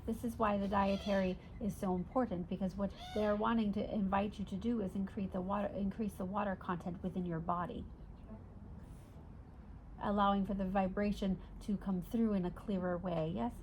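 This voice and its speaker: A woman in trance plays a channeled spirit guide, in the manner of a seance medium. The phrasing is formal and oddly ordered, patient and instructive, with a questioning "yes?" closing many thoughts. Birds and clear ambient noise sit behind the voice. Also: medium pitch, steady tone, brisk, darkish tone, natural voice. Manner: formal unusual syntax, ends statements with questioning "yes?". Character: Simon, a channeled non-physical spirit guide, patient teacher. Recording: noisy ambient recording with birdsong. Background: birds calling, ambient noise.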